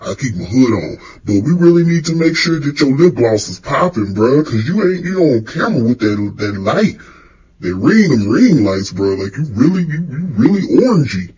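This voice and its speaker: A man playing a cocky, slangy secret-society boss in a comedy skit, leaving a rambling, casual voicemail in a husky voice. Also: medium pitch, sing-song, moderate pace, darkish tone, poor audio. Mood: teasing, chummy.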